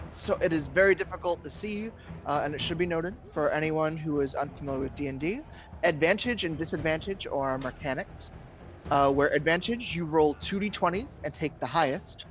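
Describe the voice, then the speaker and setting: A man's voice: a little high, fairly bright tone. A man narrating as game master, explaining rules in a hesitant, politely roundabout way.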